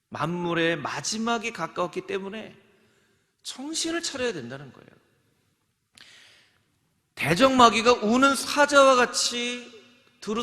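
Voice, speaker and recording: Male pastor, lively sermon delivery, bright high voice, bursts of shouted commands, long church reverb. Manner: animated preaching, shouting acted-out commands. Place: church sanctuary.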